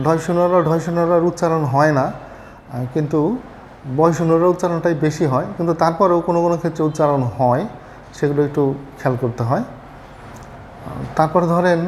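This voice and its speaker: A man's voice: on the high side, slight background noise. A man teaching a lesson on pronunciation, explaining step by step and often checking that listeners follow. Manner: patient, explanatory, repeats "ঠিক আছে?" to check understanding; fillers and self-corrections. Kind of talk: spoken lesson on Bangla pronunciation.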